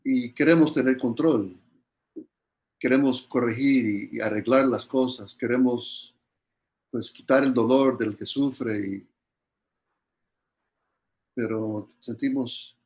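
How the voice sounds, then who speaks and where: A man's voice: medium pitch, slow, long pauses, darkish tone, lo-fi sound. An older man, a guest pastor, answering questions in an earnest sermon style, often repeating words as he restarts. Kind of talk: sermon-style answers in an online church conference.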